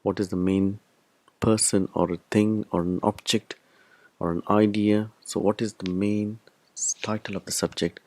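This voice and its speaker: A man teaches a recorded lesson in a fairly low voice. He explains each point step by step and comes back to the key terms again and again. The sound is close and dry, with no room echo. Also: steady tone, normal speed, darkish tone. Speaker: Arabic teacher.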